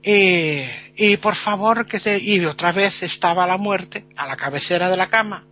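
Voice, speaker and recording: A man telling a folk tale in a lively, chatty way, full of fillers. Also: sits high, normal speed, highs cut off. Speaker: storyteller.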